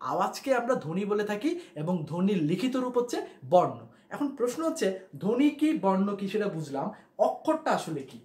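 A male teacher with a fairly high voice, giving a grammar lesson in a reverberant room. He walks through each point slowly, says the key ideas again and again, and keeps asking his class questions. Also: darkish tone. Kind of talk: classroom lesson explaining at a board.

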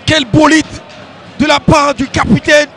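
A man giving excited live football play-by-play commentary, exclamatory and repeating phrases for emphasis. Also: extremely high pitch, a little slow.

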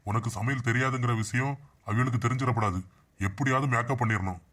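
A man's voice: mid-range voice, quick pace, fairly bright tone, natural voice. A man voicing an anxious young husband in a cartoon, pleading and placating. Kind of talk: cartoon voice acting.

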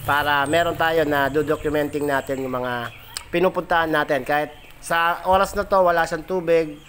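A man's voice: fairly high pitch, steady tone, normal speed, a bit bright, a little hiss or hum. Man narrating a forest hike vlog. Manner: calls viewers "mga kagala" constantly. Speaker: travel vlogger. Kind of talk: casual guiding narration. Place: outdoors on a rural forest trail.

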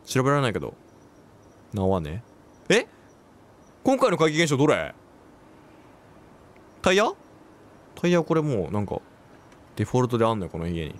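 A man giving let's play commentary on a game, reacting, quipping and talking to himself as he plays. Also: mid-range voice. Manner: reactive, talks to himself, quips and exclaims.

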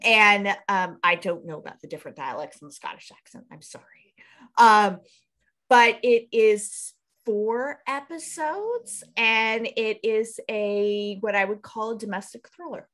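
Co-hosting a podcast on a video call from home, a woman with a Nebraskan accent rambles in easy, casual chat picked up by her webcam. Her medium-pitched, slightly bright voice moves at a measured pace, and she's self-deprecating, laughing at herself.

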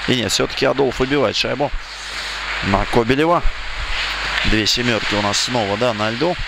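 A man giving live play-by-play commentary on an ice hockey match, speaking haltingly with pauses as he follows play. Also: medium pitch, vocal fry. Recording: loud rink noise behind the voice. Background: indoor ice rink noise.

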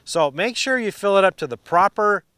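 A man's voice: sits high, moderate pace, smooth, dry recording. Man, 50s, fishing instructor, chatty how-to, dry studio sound. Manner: excited and exclaiming on the water, chatty and folksy when explaining. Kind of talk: casual how-to explanation. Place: outdoors on a fishing boat on a lake for the catch; indoor studio backdrop for the tips.

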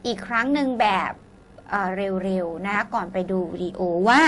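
A woman teacher giving a classroom lesson, leading the students through vocabulary drills with slow, clear model words. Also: mid-range voice, expressive, fairly bright tone, a little hiss or hum.

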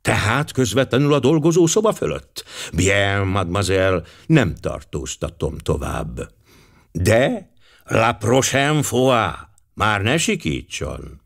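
A man's voice: lowish voice, sing-song, gravelly. Poirot, man doing a fussy detective. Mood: commanding. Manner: precise, sprinkles French phrases. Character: fussy, commanding older male detective.

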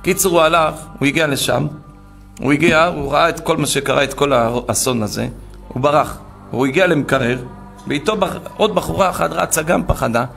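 Gravelly, high-voiced male preacher telling a story. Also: soft background music. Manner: animated retelling, acting out every character. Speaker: religious storyteller.

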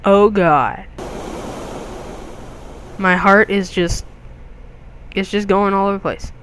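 Excitable young man doing game commentary. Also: high-pitched, clear, resonant tone. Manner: excitable, jokey, crude outbursts. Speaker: gaming video host. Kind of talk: gameplay commentary.

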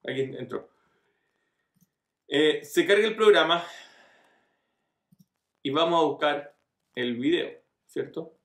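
A man's voice: a little high, lively intonation, slow pace, long pauses. A middle-aged man giving a casual step-by-step computer tutorial, often checking in with the viewer, recorded on a desk webcam in a small room. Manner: casual step-by-step explaining with frequent checks like "¿cierto?". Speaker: online marketing tutor. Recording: echoey room.

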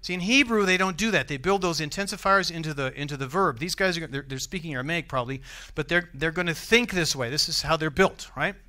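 A man's voice: on the high side, fast talker, hardly any pauses, sharp tone. A man with an American accent preaching a sermon in a church, conversational and often asking the congregation questions. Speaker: pastor.

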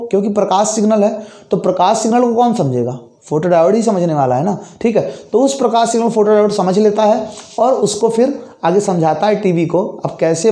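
Fast-talking male physics teacher, high voice. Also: mellow, echoey room. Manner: fast-talking, explains with everyday examples and frequent check-ins. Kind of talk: classroom lecture.

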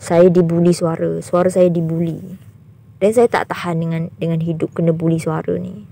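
A young woman with a raspy, husky voice, talking indignantly to her viewers in a vlog and repeating her points firmly. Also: fairly low pitch, level tone, normal speed, warm tone. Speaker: YouTuber.

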